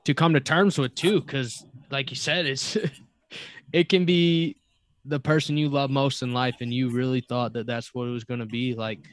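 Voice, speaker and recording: A man speaking as a podcast guest in a halting, reflective casual chat with many restarts. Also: medium pitch, fairly even intonation, no echo.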